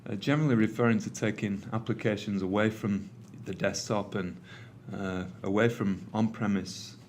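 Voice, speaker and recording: Presenting technical material conversationally to an audience in a meeting room, this middle-aged Manchester man from England often says um and uh at a conference talk. His voice is lowish, darkish and fairly even in intonation at a moderate pace, with a little hiss or hum.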